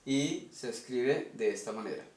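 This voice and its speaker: A man's voice: mid-range voice, expressive, moderate pace, darkish tone, echoey room. A man with a Colombian Spanish accent teaching a lesson step by step, stopping often to ask "ok?". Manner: methodical, checks in with "ok?". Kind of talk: explaining an invented language at a whiteboard.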